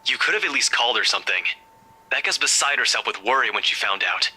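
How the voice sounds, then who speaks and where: A man's voice: mid-range voice, expressive, fast, bright, forceful tone, slightly rough, full character voice, poor audio. A man voicing a breezy young friend who teases, then turns worried. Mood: concerned. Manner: breezy, teasing, turning concerned. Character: teasing young male friend on a phone call. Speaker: character dialogue in a visual novel voice dub.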